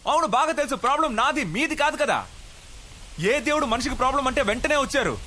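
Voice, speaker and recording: A fiery, stubborn young son in a dubbed film, his voice set high and bright and edged with heat. He presses every point insistently, refusing to back down. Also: expressive, fast, slight background noise, exaggerated voice. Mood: angry, bitter. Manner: heated, insistent arguing. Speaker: film character, a grown son.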